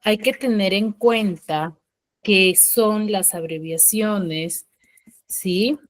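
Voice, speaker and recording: A woman's voice: medium pitch, drawn-out words. A woman teacher giving an online class over a video call, often checking in with short questions to her pupils.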